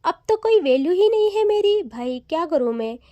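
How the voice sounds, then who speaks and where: A woman's voice: extremely high pitch, very animated, moderate pace, warm tone, dry recording, lo-fi sound. A woman voicing a playful young woman who teases and pleads with her close friend, in a chatty, whiny way. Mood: pleading, teasing.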